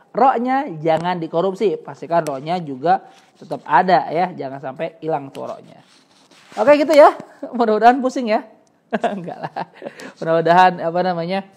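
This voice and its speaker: A man teaching Quran recitation in a casual, chatty way, slowly sounding out Arabic letters and laughing often between explanations. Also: high voice, darkish tone. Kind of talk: casual tajwid lesson.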